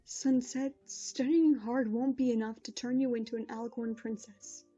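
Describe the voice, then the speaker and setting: A woman voicing a gentle, motherly pony princess who speaks calmly and patiently. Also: a little high, normal speed, muffled recording, soft background music, lightly acted. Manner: calm, patient and kind.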